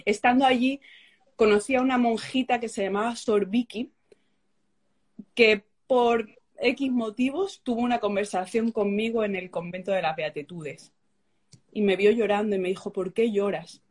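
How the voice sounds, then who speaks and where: A woman's voice: mid-range voice, moderate pace, a little mellow. A young woman giving a personal testimony, storytelling with emotion and acting out the dialogue she quotes. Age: young adult. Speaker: guest sharing a conversion story.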